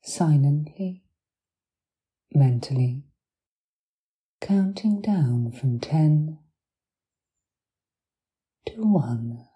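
Female hypnotherapist for guided relaxation: deeply mellow, soft and breathy, half-whispered, very unhurried and soothing. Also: expressive, rough recording. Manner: soothing, deliberate, long pauses between short phrases.

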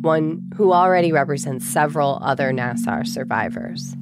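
A woman podcast host giving scripted narration in a measured, explanatory way. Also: deep voice, loud music behind the voice.

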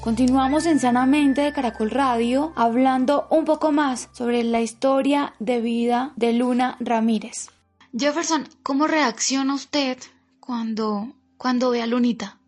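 A woman hosts a radio health program, leading into breaks and questions in a smooth, composed voice. Her pitch is slightly high. A faint music bed sits behind her. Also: a little slow, darkish tone. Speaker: radio health show host. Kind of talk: radio hosting.

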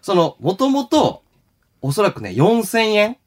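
A man's voice: high voice, unhurried. A man hosting a podcast, telling a story in a casual chat and acting out the voices of the people in it. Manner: animated storytelling in Kansai speech, acts out quoted voices. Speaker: podcast host.

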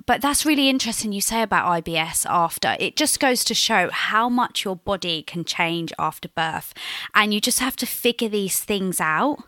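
Bright-voiced woman host. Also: medium pitch, animated, moderate pace, no room sound. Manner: effusive, encouraging, warm praise of guest. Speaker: podcast host. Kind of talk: conversational interview.

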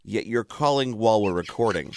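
A man's voice: fairly low pitch, expressive, brisk. A man hosting a radio show in casual chat, chatty and playful, often interrupting himself.

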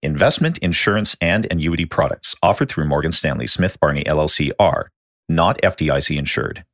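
A man reading a scripted legal disclaimer at a fast clip as an announcer. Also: a bass voice, expressive, a bit bright, no echo, clean studio sound.

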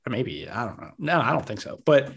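A man's voice: medium pitch, very animated, a little fast, a bit bright, husky. A man co-hosting a basketball podcast in casual chat, rambling and second-guessing himself and laughing easily as he talks. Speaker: podcast co-host.

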